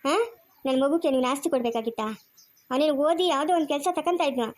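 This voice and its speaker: A woman's voice: high-pitched, quick pace, darkish tone, close to an everyday voice. A woman playing a bitter, defiant young mother. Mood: resentful. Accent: rural Chikkaballapur Kannada. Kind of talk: amateur family drama acting.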